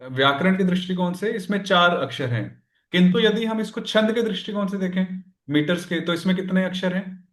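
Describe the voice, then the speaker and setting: A man teaching a Sanskrit grammar class, explaining slowly and counting syllables aloud, switching between Hindi and English terms. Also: high-pitched, reverberant. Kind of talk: online class lecture.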